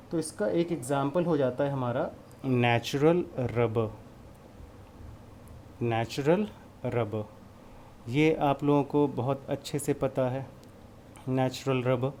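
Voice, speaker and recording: Guy teaching chem class, mid-pitch voice, asks stuff then answers it himself, bit of hiss behind. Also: darkish tone. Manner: explains step by step, asks and answers own questions, mixes in English terms. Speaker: chemistry teacher. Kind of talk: classroom lecture.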